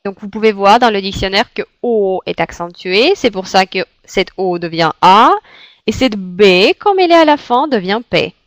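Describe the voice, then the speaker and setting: A woman with a Russian accent gives a language lesson, repeating words and pausing with hesitant fillers as she explains. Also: medium pitch, animated, no echo. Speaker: Russian teacher.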